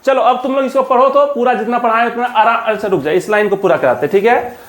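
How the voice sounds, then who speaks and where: A woman teaching an English reading lesson, spelling words letter by letter and drilling pupils with repeated questions. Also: a little high. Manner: drills students with repeated call-and-response questions; reads English slowly word by word. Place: classroom. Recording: noisy classroom crowd. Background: class of children responding.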